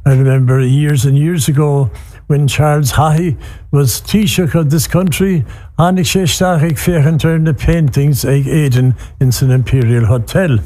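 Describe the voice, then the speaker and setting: A man's voice: fairly high pitch, moderate pace, mellow. A man with an Irish accent from Cork, hosting a radio show in a rambling, hesitant, conversational way. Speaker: community radio host. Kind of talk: casual radio chat mixing English and Irish.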